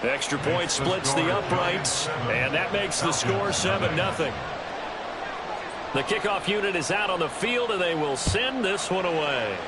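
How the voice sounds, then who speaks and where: An American man doing football play-by-play commentary in the excited manner of a touchdown call. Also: high voice, unhurried. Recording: loud stadium noise behind.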